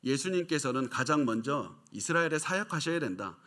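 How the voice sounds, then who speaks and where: Male senior pastor, mid-range pitch, emphatic repetitive sermon delivery. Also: animated, fairly quick, a bit bright. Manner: emphatic, repetitive preaching cadence.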